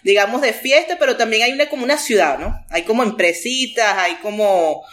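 A woman's voice: on the high side, a little fast, fairly bright tone, a little hiss or hum. A woman from Venezuela with a Venezuelan Spanish accent, talking casually and rambling with lots of fillers as an interview guest. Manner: chatty, rambling, frequent fillers.

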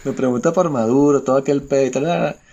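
Fast-talking Venezuelan man telling a story. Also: mid-range voice, dull audio. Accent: Venezuelan Spanish. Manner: animated storyteller, acts out quoted voices, swears freely. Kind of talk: casual anecdote among friends.

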